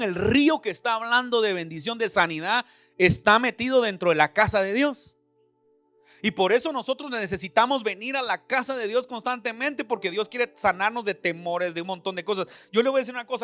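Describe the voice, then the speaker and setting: A middle-aged man with a Central American Spanish accent preaches to his congregation, calling them brother and throwing out questions. His voice sits fairly high and the sound is dry and close. Soft music plays faintly beneath. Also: dry recording. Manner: preacherly, addresses listeners as brother, rhetorical questions. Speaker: pastor. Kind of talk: sermon. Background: soft background music.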